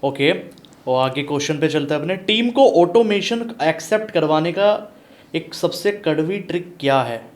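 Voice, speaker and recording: A man hosting a business podcast, asking quick-fire questions and answering with short affirmations. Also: fairly high pitch, lively intonation. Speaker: podcast host, business coach.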